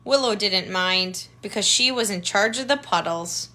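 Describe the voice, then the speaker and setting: Her mid-range voice carries a sharp tone and moves a little slowly. As a tutor reading a picture book to kids, she phrases things simply and stops to explain and point out details with questions and remarks.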